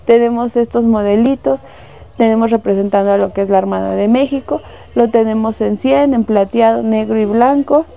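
Warm and medium-pitched with some vocal fry, a Mexican shop saleswoman casually displays her products indoors. She lists wholesale prices as she goes, leaning heavily on diminutives.

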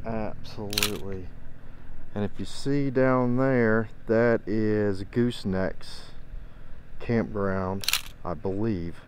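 A man's voice: lowish voice, noisy background. A man hosting a casual travel vlog outdoors in the desert, talking with easygoing enthusiasm. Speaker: vlog host.

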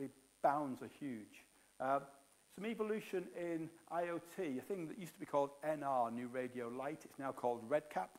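A middle-aged man giving a technical keynote on a conference stage, explaining with jargon and frequent fillers. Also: medium pitch. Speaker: keynote speaker.

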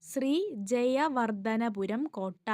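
A woman's voice: on the high side, slow pace, a little mellow, no room sound, studio quality. A woman teaching an exam-prep lesson, repeating each fact and answering her own questions. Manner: repetitive, drills facts, asks and answers her own questions.

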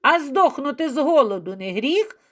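Storybook street urchin, cheeky and theatrical, voiced by a woman, pitched high. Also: big pitch swings, moderate pace. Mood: defiant. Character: cheeky hungry street boy, quick-witted.

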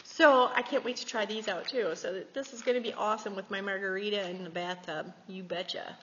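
With a steady, fairly bright tone, a beauty vlogger in her 40s briskly chats about the gifts she's received, giggling and gushing along the way. Her voice is mid-range, and the echoey recording is a bit dull with faint hiss.

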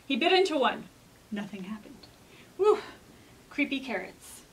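In an indoor library room, an American woman in her thirties reads aloud as a children's librarian, expressive and clearly enunciated, with dramatic pauses. Her voice is fairly high, and the recording quality is low.

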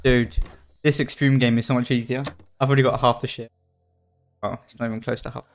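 A man's voice: mid-range voice, flat delivery, fairly quick, slight background noise. Laughing man playing a game with a friend. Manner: laughing, crude and self-mocking. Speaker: let's play co-host. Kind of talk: casual gaming banter.

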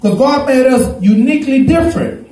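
A middle-aged man, a pastor preaching a sermon with call-and-response, often shouting and laughing into a handheld microphone. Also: very high voice, expressive, a little fast, very echoey. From Houston, Texas. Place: small church with curtain backdrop. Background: congregation responding.

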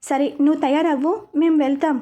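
A woman reading the lines of a bossy young sister who scolds loudly. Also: high voice, fairly even intonation, a little fast, close to an everyday voice. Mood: scolding. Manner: scolding, loud. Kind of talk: storybook reading.

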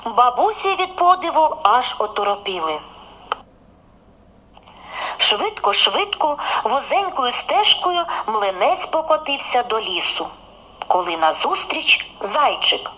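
A woman narrating a children's folk tale in an expressive, sing-song way. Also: fairly high pitch, slow, rough recording. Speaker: storyteller.

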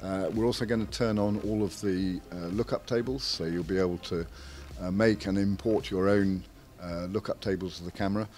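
A man with a very low voice walks through technical details at an unhurried pace. He talks in short phrases broken by frequent hesitant pauses. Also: fairly even intonation, a little mellow. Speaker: camera maker's representative. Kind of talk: technical product interview.

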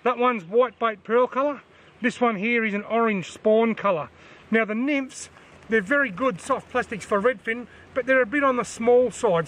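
An Australian fishing channel host in his forties talks casually to a camera on a chest-height tripod at the edge of a forest. His voice is very high-pitched and a bit bright, with slight hiss or hum. He's chatty and practical, repeating key points for viewers.

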